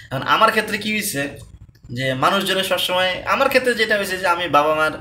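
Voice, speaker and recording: A man with a bright, forceful voice that sits a little high for a man. He talks casually, going over his points again and again and checking in with the listener as he goes. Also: expressive, fast. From Bangladesh. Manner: conversational, repeats points, tag questions. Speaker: lecturer. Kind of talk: casual personal talk.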